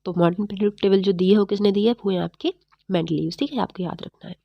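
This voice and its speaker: A woman teaching chemistry in a fast, repetitive exam-prep lecture, slightly unwell. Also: medium pitch, gravelly, no room sound, highs cut off. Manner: fast-talking, repetitive quizzing of students.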